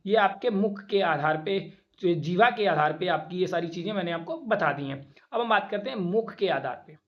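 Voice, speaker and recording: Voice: medium pitch, highs cut off. Teacher quizzing the class with rhetorical questions. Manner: keeps asking rhetorical questions and answering them; drawn-out, repeated vowel demonstrations. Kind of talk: exam-prep classroom lecture.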